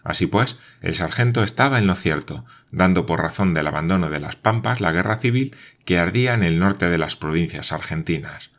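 Male narrator, audiobook novel reading, measured delivery, deep voice. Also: lively intonation, fairly bright tone.

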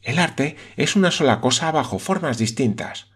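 A man's voice: medium pitch, animated, normal speed, a bit bright, slightly rough, pitched above the performer's own voice. A man voicing a romantic, indignant young Scottish lady in an audiobook, raising his voice for her. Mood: dreamy.

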